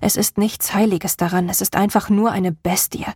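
A woman reading the part of a haunted, determined young woman in measured, weary tones. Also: medium pitch, fairly even intonation, a little mellow, slightly rough, no echo, studio quality. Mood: grim. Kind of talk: audiobook character reading.

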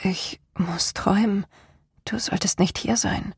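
A woman narrator voicing a drowsy, tender young woman in a whispered role-play, murmuring softly. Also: mid-range voice, moderate pace, slightly rough, dry recording, studio quality. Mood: sleepy tender.

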